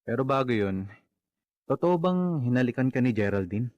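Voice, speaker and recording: A man's voice: mid-range voice, lively intonation, normal speed, dry recording, lo-fi sound, lightly acted. A man playing a loyal, concerned friend in a radio drama, talking in an earnest, soothing way. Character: caring loyal male friend, steady and concerned.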